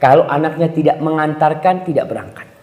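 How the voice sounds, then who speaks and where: Male preacher, storytelling sermon, fairly high voice, echoing hall. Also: fairly quick. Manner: storytelling, acting out quoted voices with sharp pitch jumps; addresses the congregation directly. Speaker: Islamic preacher. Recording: roomy hall reverb.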